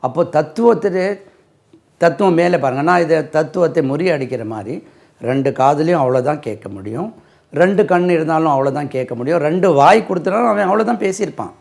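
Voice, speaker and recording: Casual: tamil-accented guy teaching english, kinda high voice, rough and creaky, repeats everything. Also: a little mellow. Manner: slow, spells words letter by letter and repeats phrases. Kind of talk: spoken English lesson.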